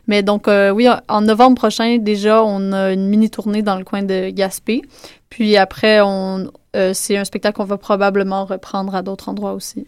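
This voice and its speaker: Female guest performer, conversational, mid-pitched, recorded dry in a studio. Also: little pitch movement, moderate pace, smooth, dry recording. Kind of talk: casual radio interview. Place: radio studio.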